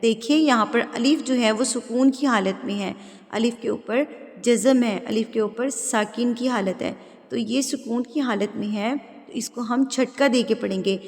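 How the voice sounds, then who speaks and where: A woman teaching Quran recitation rules step by step, explaining patiently, checking that students follow and drawing out example words slowly. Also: fairly high pitch, long reverb tail. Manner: switches into slow, drawn-out, louder recitation for examples. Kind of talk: step-by-step tajweed lesson.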